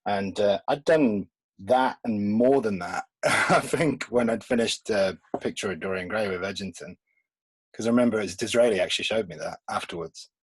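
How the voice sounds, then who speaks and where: A comics artist from England, whose first language is Polish, guests on a casual remote podcast interview, rambling and laughing often between thoughts. His voice is husky and lowish at normal speed, on a dry, rough recording.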